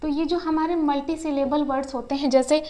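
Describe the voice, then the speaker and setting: A woman teaching an English grammar lesson in a classroom style. She asks questions and answers them herself, and she spells words out slowly, syllable by syllable. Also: high-pitched, fairly even intonation, warm tone. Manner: slow, syllable-by-syllable word spelling.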